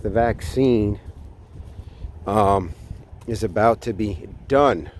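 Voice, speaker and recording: An American man talking casually to viewers in a halting, thinking-aloud way as he walks. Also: fairly low pitch, darkish tone. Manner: unhurried, halting, thinking aloud while walking. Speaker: vlogger. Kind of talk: casual walk-and-talk vlog to viewers. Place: outdoors, walking along New York City streets. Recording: outdoor city street noise, faint traffic. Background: faint outdoor ambience and vehicles.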